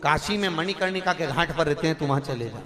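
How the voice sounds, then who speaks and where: A male preacher voicing a calm old guru who sends his disciple to his own teacher. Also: fairly high pitch, quick pace.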